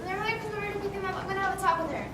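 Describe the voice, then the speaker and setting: A woman's voice: extremely high pitch, very fast. A woman playing a stern, prim old grandmother who scolds and exclaims in an amateur stage play. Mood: disapproving. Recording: echoey hall, distant mic, loud noise.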